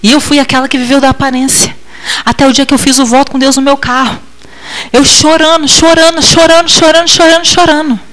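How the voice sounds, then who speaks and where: A woman missionary preaching a testimony sermon, emotional, with dramatic swings in pitch and loudness, acting out her own past replies. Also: level tone, fairly quick, poor audio.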